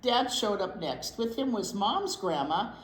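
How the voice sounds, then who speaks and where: With a mid-range voice and lively storytime expression, the library reader shares a picture book with young children, stopping to muse aloud and question them. Her voice carries a roomy echo over clear background noise.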